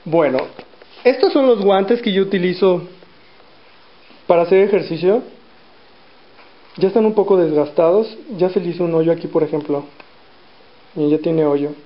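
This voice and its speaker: Man in his thirties, roomy lo-fi vlog. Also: sits high. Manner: relaxed storytelling with many pauses and fillers. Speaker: fitness vlogger. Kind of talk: casual vlog talk. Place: small room at home. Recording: roomy, dull lo-fi camera audio.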